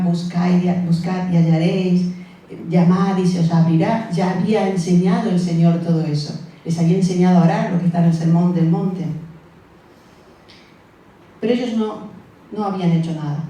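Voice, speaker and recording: A woman's voice: lowish voice, dark tone, far from the mic. Woman preaching in an echoey church hall. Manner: conversational, acts out the disciples' voices, asks the congregation questions. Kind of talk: sermon.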